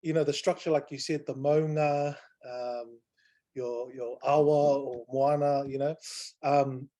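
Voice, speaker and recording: A man's voice: medium pitch, a little slow. A man moderating a video call, talking casually and hesitantly with many fillers. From New Zealand. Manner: relaxed, hesitant with many ums.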